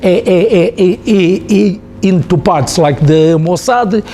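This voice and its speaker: High-pitched man with Angolan Portuguese accent. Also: animated, dark tone, a little hiss or hum. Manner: halting, repetitive, searching for words in non-native English. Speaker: interviewee, former soldier. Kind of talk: personal recollection in an interview.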